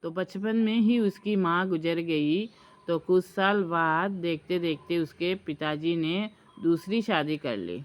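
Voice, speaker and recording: A woman's voice: on the low side, slow pace. A woman vlogger casually telling a folk story, hesitant and full of fillers and restarts.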